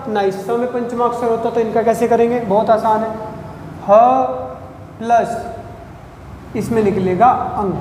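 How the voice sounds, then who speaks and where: Stretching out each syllable and repeating them, a very high-voiced man fires questions at students during a grammar lesson, his tone a little mellow. The recording carries faint hiss and the long, hollow reverb of the room.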